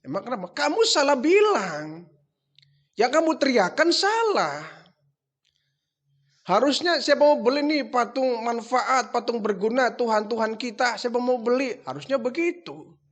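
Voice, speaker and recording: A man doing a fussy older father who sells idols, high-pitched, scolding, exasperated. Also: animated, a little slow, fairly bright tone, full character voice.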